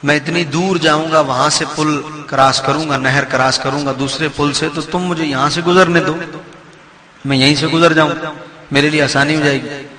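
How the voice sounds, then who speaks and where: A man's voice: on the high side, steady tone, sharp tone. A preacher doing a frail pleading old man. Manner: pleading, insistent. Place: mosque. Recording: long hall reverb, crowd audible.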